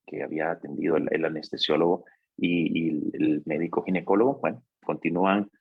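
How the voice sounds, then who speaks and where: A man telling a personal story in a talk, hesitant, with fillers and repeated words, going soft at the sad parts. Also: low voice, steady tone, brisk, vocal fry, husky, no room sound. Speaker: life coach. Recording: dull, dry, lo-fi recording.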